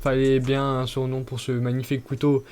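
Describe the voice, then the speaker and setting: A man talking his way through an unboxing in a loose, chatty vlog style, his voice sitting at an ordinary middle pitch. He pauses and fills gaps with hesitant fillers, and soft music plays faintly behind him. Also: completely flat delivery. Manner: chatty, hesitant with many fillers, laughs often. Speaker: YouTuber unboxing products.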